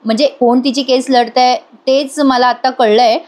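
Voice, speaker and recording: A woman's voice: high-pitched, steady tone, moderate pace, a little mellow, natural voice. A woman reading a worried young man. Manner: anxious, conversational.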